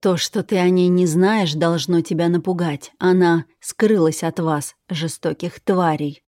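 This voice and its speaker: A cruel fanatic woman voiced by a female narrator who drags out her insults with slow, hissing disdain. Her voice sits low and mellow, and the recording is close and dry. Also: steady tone, no room sound, lightly acted. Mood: contemptuous.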